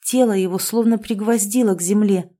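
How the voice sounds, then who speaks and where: Brief: a female audiobook narrator, with a mellow, dark tone and a steady reading pace. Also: medium pitch, fairly quick. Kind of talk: audiobook reading of a horror story.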